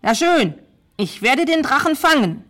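A woman reading a children's story and voicing a boastful, cowardly young knight who shouts and stammers. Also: mid-range voice, slow.

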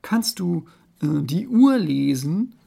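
Storybook fox, reader doing it: careful, slow, husky. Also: mid-range voice, very animated, warm tone, heavily acted. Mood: cautious. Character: clever, cautious fox.

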